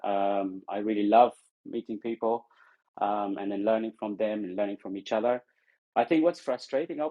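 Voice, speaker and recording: A man's voice: on the low side, darkish tone. Hesitant man from Afghanistan, muffled. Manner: hesitant, many ums and restarts. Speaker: guest. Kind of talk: casual interview. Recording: muffled social audio stream.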